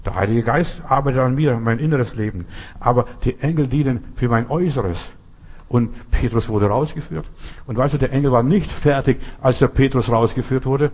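Male preacher, husky tone, earnest and repetitive sermon delivery, talks straight to the listener. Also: mid-range voice, moderate pace, darkish tone.

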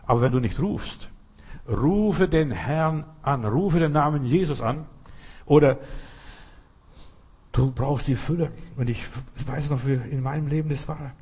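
A man's voice: fairly high pitch, measured pace, darkish tone, breathy edge. A man preaching a sermon, talking directly to the listener and often asking if they understand, with sudden emphatic rises in his voice. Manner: talks straight to the listener, keeps asking "you understand?".

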